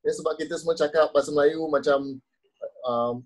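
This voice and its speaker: A man's voice: on the high side, steady tone, fairly quick, poor audio. A man, speaking casually on a discussion panel and dropping in English words now and then.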